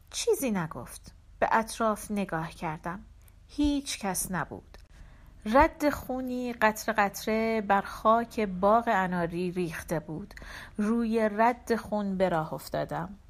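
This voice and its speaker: A woman narrating a literary short story in the first person, calm and measured. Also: mid-range voice. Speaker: audiobook narrator.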